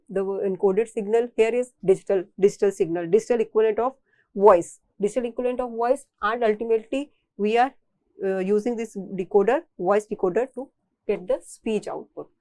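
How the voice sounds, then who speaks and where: Her voice is medium-pitched and mellow, her speed normal, and the recording dry as this Indian-accented woman explains engineering material in a lecture. She proceeds methodically, often repeating and rephrasing herself.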